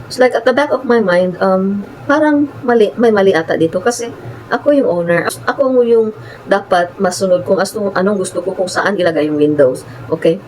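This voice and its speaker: A woman's voice: medium pitch, moderate pace, a little mellow, poor audio. A woman from the Philippines, telling her viewers a story in an emphatic, exasperated way. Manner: emphatic, exasperated retelling with acted quotes. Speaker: vlogger.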